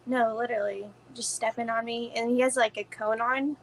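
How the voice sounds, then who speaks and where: Gravelly-voiced woman chatting casually. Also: a little high, steady tone, fairly quick, poor audio. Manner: chatty, lots of fillers. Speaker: co-host guest. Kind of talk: casual live-stream chat.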